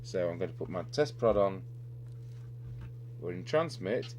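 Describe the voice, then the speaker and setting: Speaking unhurriedly in a low-pitched voice, a male electronics repair demonstrator thinks aloud through an unscripted, methodical technical demonstration at his bench. Steady electrical hum and noise run through this clearly noisy recording.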